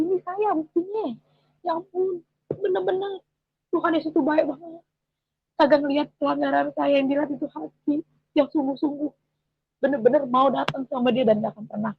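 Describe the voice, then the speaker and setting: A middle-aged woman giving an emotional personal testimony in animated, slangy talk. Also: high voice, gravelly, dry recording. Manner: animated, colloquial Jakarta slang. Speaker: testimony speaker. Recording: dry, muffled close recording.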